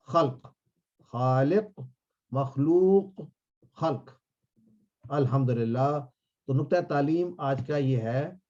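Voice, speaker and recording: A man teaching a class, drilling phrases slowly and quizzing his students. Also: fairly high pitch, warm tone, muffled recording. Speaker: Arabic teacher.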